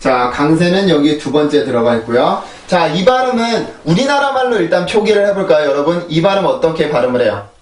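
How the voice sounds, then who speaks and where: Korean guy drilling english words over and over, voice a bit high, echoey room, mic kinda far. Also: expressive. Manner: repeats drill words slowly, asks rhetorical questions. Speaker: English pronunciation teacher. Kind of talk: pronunciation lesson.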